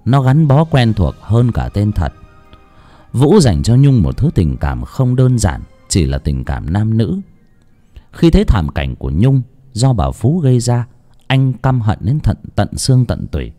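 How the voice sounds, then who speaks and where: A man narrating a dramatic audiobook with expressive storytelling. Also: on the low side, unhurried, faint music behind.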